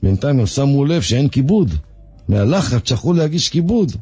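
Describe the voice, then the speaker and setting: A man telling a story on the radio in a lively, animated way, repeating words for effect. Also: mid-range voice, slightly rough, no echo.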